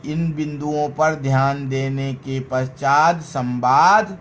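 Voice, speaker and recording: A male teacher giving a lesson in a slow, deliberate way, pausing between phrases and stressing key words. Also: mid-range voice, steady tone, a bit bright, slight background noise. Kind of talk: classroom lesson.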